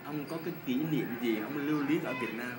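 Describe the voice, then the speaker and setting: His voice is mid-range and fairly quick. This middle-aged Vietnamese man interviews casually and courteously, often repeating answers back. The setting is an indoor swimming pool hall, recorded noisily on a phone at arm's length.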